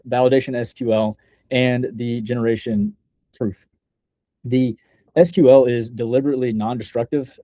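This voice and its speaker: A young man giving a scripted software demo in a deliberate, measured, slightly halting way, as a developer presenting a project. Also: medium pitch, no room sound.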